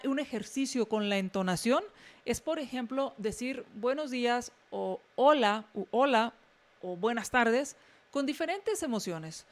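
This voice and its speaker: A woman hosting a show, giving listeners relaxed advice on public speaking and addressing them directly with frequent fillers and restarts. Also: a little high. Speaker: radio show host giving business tips.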